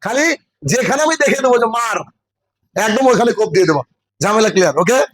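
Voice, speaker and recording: A man's voice: high voice, lively intonation, fast talker, a bit bright, rough recording. A man teaching English in a classroom lecture, explaining step by step and checking that students follow. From West Bengal. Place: classroom with a board.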